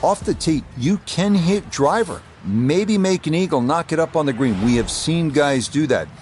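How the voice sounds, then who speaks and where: A man calling golf as a play-by-play commentator, in a measured, conversational broadcast style. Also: on the high side, lively intonation, darkish tone, soft background music, lightly acted.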